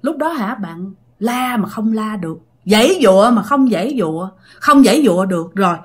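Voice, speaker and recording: A woman's voice: medium pitch, lively intonation, normal speed, slightly rough. A woman with a Southern Vietnamese accent telling a ghost story in a chatty, dramatic way, talking straight to her listeners.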